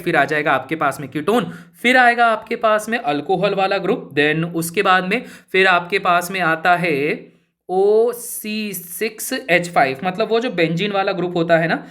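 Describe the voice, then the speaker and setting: A man's voice: high-pitched, a bit bright. A man teaching chemistry in a casual, chatty way, asking his students questions and answering them himself. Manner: informal, keeps addressing listeners as brother and buddy. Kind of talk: casual spoken lesson.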